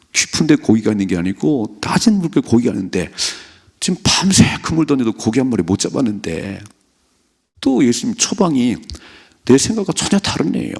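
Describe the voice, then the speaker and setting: A middle-aged male pastor preaching at a dawn prayer service, telling Bible stories with lively acted-out lines. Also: mid-range voice, creaky, breathy edge. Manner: animated storytelling, acting out characters' lines. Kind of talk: early-morning prayer sermon.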